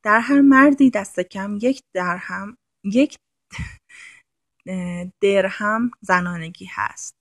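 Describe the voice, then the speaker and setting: Husky woman reading a novel aloud. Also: medium pitch, no echo, clean studio sound. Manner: calm storytelling reading, slow and intimate. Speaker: audiobook narrator. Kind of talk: scripted narration.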